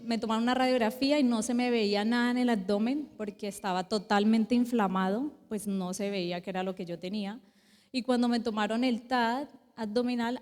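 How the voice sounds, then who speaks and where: A woman's voice: mid-range voice, a little mellow. A woman giving a personal testimony at church, speaking hesitantly with many fillers and an emotional retelling. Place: church hall. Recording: long church hall reverb.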